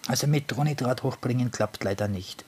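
A man giving casual commentary on his hands-on experiments, halting and thinking aloud, often repeating and rephrasing himself, recorded indoors on a handheld camera. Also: mid-range voice, heavy background noise. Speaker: hobby tinkerer presenting experiments.

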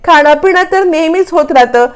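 A woman's voice: very high-pitched, moderate pace, pitched above the performer's own voice. Woman narrator doing doting father; storybook recap. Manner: affectionate, coaxing. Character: warm, doting older father.

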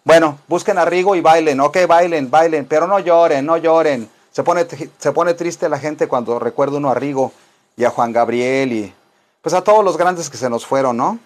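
Mexican male English teacher, slightly high voice, jokey and rambling. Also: normal speed. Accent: Mexican Spanish. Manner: playful, rambling, teasing asides to viewers. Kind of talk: joking live-stream English lesson.

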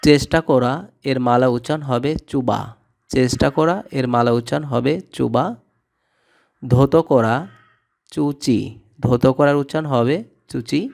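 A man teaching vocabulary, reading each word and its meaning and repeating it in a steady drill. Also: mid-range voice, measured pace, gravelly, pauses often. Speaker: language tutor. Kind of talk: scripted vocabulary lesson.

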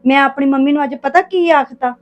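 A woman's voice: high-pitched, brisk, dull audio, soft background music, natural voice. A young woman playing a girl from a poor home in an amateur family drama, earnest and pleading. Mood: hurt.

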